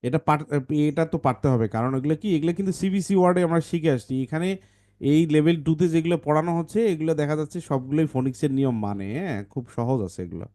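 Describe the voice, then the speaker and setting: A man's voice: fairly high pitch, expressive, rapid-fire, mellow. A man teaching English phonics to a children's class, patiently correcting pronunciation sound by sound.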